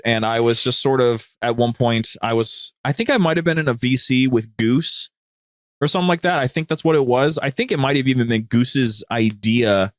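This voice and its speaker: A man with a mid-range voice chats casually as a podcast guest, telling stories in an informal, rambling, slangy way. The studio sound is clean with no echo.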